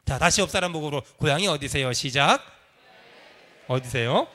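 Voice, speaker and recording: Male pastor, sermon voice, high and bright, leads call and response. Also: animated, moderate pace. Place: church sanctuary.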